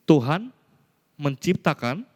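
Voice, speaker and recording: A male pastor from Indonesia preaching a sermon, telling personal stories in an animated way. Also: fairly high pitch. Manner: storytelling preacher, animated, mimics voices in anecdotes. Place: church hall. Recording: church hall reverb.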